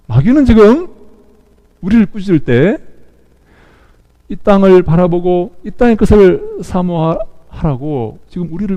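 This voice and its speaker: Male pastor, sermon, fairly high voice, mellow warm timbre, dramatic rhetorical delivery. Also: lo-fi sound.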